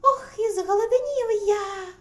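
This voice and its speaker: A woman voicing two lazy, playful little mice with squeaky, shrill voices in a children's audio story. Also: slow pace, a bit bright, exaggerated voice. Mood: squeaky, demanding. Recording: roomy recording, faint hum.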